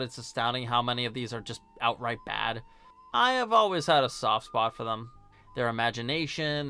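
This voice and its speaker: A man of medium pitch, his voice pushed, bright, and smooth, narrates a casual and opinionated film review as host and video essayist. Expect bluntness, sarcasm, and occasional swearing, all over background music.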